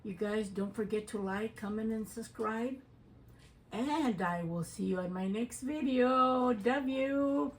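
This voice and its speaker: Slow-talking woman cooking vlog host. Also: medium pitch. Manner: chatty, affectionate, addresses viewers as "you guys" and "my doves"; savors food aloud with hums while eating.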